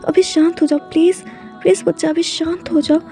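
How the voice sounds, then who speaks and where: A woman's voice: very high-pitched, level tone, fairly quick, mellow, soft background music. A woman doing a coaxing older brother. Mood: soothing. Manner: soothing, coaxing. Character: calm protective older brother, a young man.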